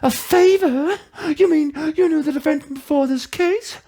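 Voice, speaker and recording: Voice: high voice, moderate pace, mellow, voice pushed up, close to an everyday voice. A performer voicing a composed, encouraging senior woman lawyer from a video game, light and polite.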